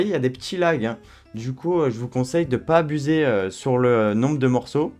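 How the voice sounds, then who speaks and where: A man walking viewers through a software tutorial in a relaxed, chatty way, with frequent fillers. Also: medium pitch. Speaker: tutorial host. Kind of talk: screen-recorded software tutorial.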